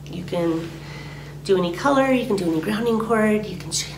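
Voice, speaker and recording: A woman teaching a guided meditation, speaking softly and often dropping to a whisper. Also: medium pitch, fairly quick. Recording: roomy recording with a steady hum.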